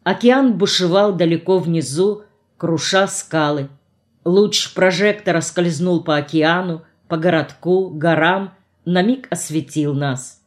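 A woman narrating a novel in the first person, in a measured, expressive audiobook reading. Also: fairly low pitch.

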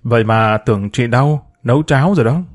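A man's voice: mid-range voice, fairly quick, close to an everyday voice. Man reading a fed-up teen boy, sulky and offhand, storybook. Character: sullen teenage son, fed up.

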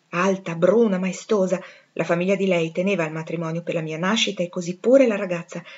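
Rochester-like: a proud, passionate gentleman, as a woman reads him in an audiobook, intense and pleading. Her mid-pitched voice keeps its own sound. The recording is dull and lo-fi. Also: close to an everyday voice. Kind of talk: audiobook reading.

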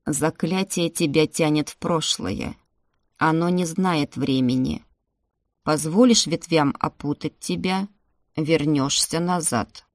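A woman voicing a slow, cryptic old shaman. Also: no room sound, clean studio sound. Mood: grave, cryptic. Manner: slow, low, measured pronouncements. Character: old shaggy-haired male shaman, calm, cryptic. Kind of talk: audiobook character voice.

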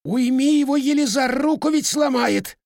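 A man voicing a quarrelsome middle-aged peasant who talks in a shrill, demanding, whining way. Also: big pitch swings, slow, no room sound, clean studio sound, exaggerated voice. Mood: wailing.

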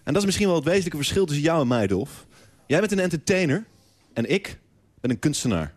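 A man's voice: fairly high pitch, big pitch swings, fast, darkish tone. A man playing a self-important male TV producer in a radio comedy sketch, talking in a pompous, preachy way. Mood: lecturing.

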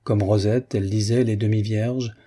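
A man reading a classic novel aloud as an audiobook narrator. His voice is low and husky, with a dark, mellow tone. He keeps a measured, even pace.

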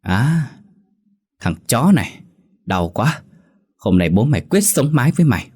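A man's voice: medium pitch, big pitch swings, normal speed, voice pushed up. A man voicing a drunk, brash young village man who slurs and talks crudely. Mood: enraged. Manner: slurred, drawling and crude.

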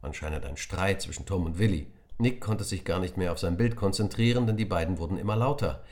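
A man narrating a children's audiobook in an expressive storytelling manner. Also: sits low, brisk.

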